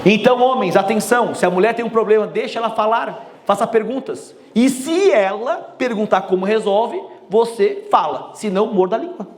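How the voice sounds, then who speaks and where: A man giving a motivational talk, energetic and joking, speaking straight to the audience. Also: high voice, moderate pace, hardly any pauses.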